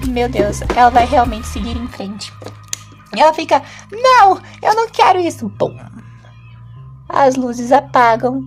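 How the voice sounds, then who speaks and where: A woman recapping a stage play she acted in, in a chatty, animated way with frequent tag questions. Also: a little high. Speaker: actress and vlogger.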